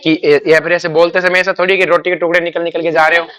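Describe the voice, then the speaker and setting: A man's voice: a little high, little pitch movement, pushed and bright. A man teaching a chemistry class, explaining with homely examples and often asking students to repeat key words. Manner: asks quick check questions and repeats key words; calls students "beta", uses homely examples. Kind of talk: classroom lecture.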